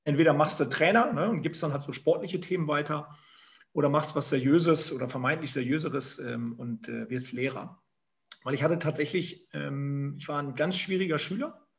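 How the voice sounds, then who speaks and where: Over a remote call, a northern German man in his forties from Emsland recounts his career in storytelling answers packed with fillers and colored by his regional accent. His voice is fairly high and creaky, at a moderate pace.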